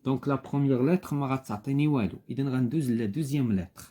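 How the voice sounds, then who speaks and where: Patient Moroccan man as teacher, warm low-toned delivery, spells things out methodically. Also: rapid-fire. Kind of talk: explaining homework step by step.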